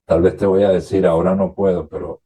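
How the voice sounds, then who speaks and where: As a radio interview guest, a male priest from Venezuela recalls earlier conversations while sharing his life story, speaking haltingly and reflectively. He has a low, mellow voice with a breathy edge and a flat delivery.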